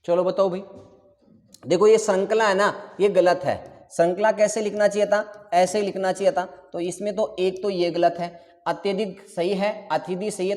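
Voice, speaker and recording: A man's voice: sits high, darkish tone, big-room sound. A male teacher giving an online exam-prep lesson, repeating answers and quizzing his students again and again.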